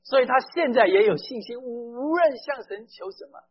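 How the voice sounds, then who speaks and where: A man's voice: extremely high pitch, expressive, normal speed, slightly rough. A man preaching a sermon, speaking emphatically, putting questions straight to his listeners and mixing in English phrases. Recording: dull lo-fi recording.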